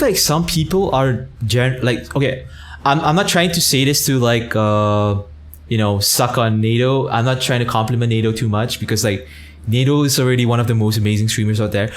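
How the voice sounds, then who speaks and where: A man's voice: mid-range voice, slight background noise. A young man from Malaysia chatting casually on a game livestream, rambling between topics and thanking viewers by name. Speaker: streamer.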